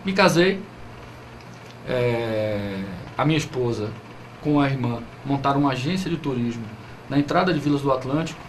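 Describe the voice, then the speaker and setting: Appearing as a political interview guest, a Brazilian-accented man from Bahia responds in an animated mid-range voice at moderate speed. His phrasing is hesitant and full of tag questions, and background noise is clearly audible.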